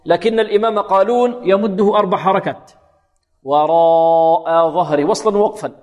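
A man teaching Quran recitation, quizzing his students with questions and chanting verses slowly to show the rules. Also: high voice, long reverb tail, highs cut off. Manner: asks the class rhetorical questions and then answers them.

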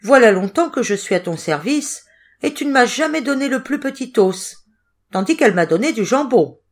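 A woman reading as a calm sly cat. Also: fairly high pitch, normal speed, pitched above the performer's own voice. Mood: grumbling.

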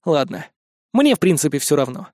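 A man's voice: fairly high pitch, sing-song, normal speed, warm tone, dry recording, clean studio sound. A man narrating an audiobook in the first person, wry and conversational.

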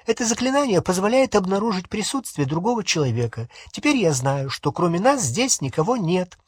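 A man's voice: on the high side, slow, no room sound. A man doing an anxious, bossy young witch girl. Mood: snappish. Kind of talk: audiobook character voice.

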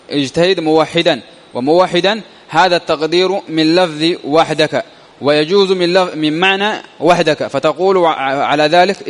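A man's voice: on the high side, big-room sound. A man teaching a classical grammar lesson, often repeating key phrases and answering his own questions. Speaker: teacher explaining Arabic grammar.

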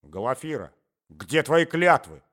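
A man's voice: mid-range voice, very animated, normal speed. A man voicing a young lover who presses the lady with accusing, insistent questions. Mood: reproachful.

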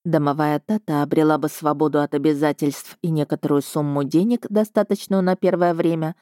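A woman's voice: low-pitched, steady tone, a little fast, mellow, dry recording. A woman reading a first-person story aloud with a wry, dry tone. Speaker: audiobook narrator. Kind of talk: scripted first-person narration.

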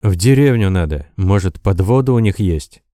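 A man voicing a calm, firm young pilot giving orders in a war audiobook. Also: low voice, moderate pace, no room sound, studio quality. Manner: calm and commanding.

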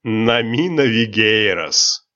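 A man doing arrogant old court schemer, grudging politeness, slow speech, dull audio. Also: on the low side, lively intonation, bright, forceful tone, heavily acted. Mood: haughty. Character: old haughty court intriguer, former minister.

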